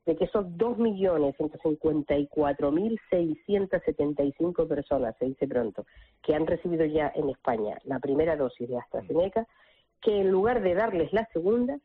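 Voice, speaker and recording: A woman with a low, husky voice explains her point during a panel discussion. She comes through a thin, tinny phone line. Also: animated, moderate pace.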